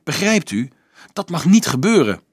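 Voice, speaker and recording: A man's voice: a little high, sing-song, normal speed, husky, no echo, clean studio sound, voice pushed up, full character voice. A man voicing an earnest, stubborn young boy in an audiobook, speaking urgently.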